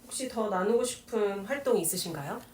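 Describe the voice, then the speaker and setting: A woman's voice: medium pitch, lively intonation, fairly quick, darkish tone. A woman teacher hosts a casual discussion and puts questions to the others in a thoughtful way. She is heard from some distance in an echoey room. A faint background hum sits under her voice. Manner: reflective, asks the group questions. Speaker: teacher hosting a book discussion.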